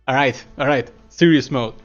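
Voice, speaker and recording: An Argentine man, a native Spanish speaker, casts a live esports match in a mid-range voice. He's loose and chatty, laughs often, and breaks from his analysis to answer chat messages. The stream sounds slightly muffled, with soft music in the background.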